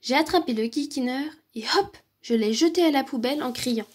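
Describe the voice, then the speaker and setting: High husky woman reading a kids' story. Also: fairly quick. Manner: lively, expressive storytelling. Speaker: library story reader. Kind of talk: reading a children's picture book aloud.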